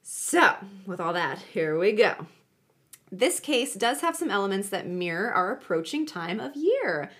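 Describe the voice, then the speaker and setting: A woman's voice: medium pitch, very animated, a little slow, fairly bright tone. A woman hosting a podcast, narrating true crime in a chatty, conversational way with joking asides. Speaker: podcast host.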